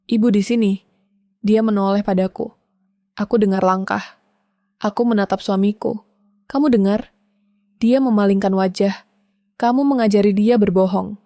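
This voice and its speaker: A woman telling a first-person domestic drama in a calm, measured way, in short, clipped sentences. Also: medium pitch, no room sound, studio quality. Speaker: storyteller.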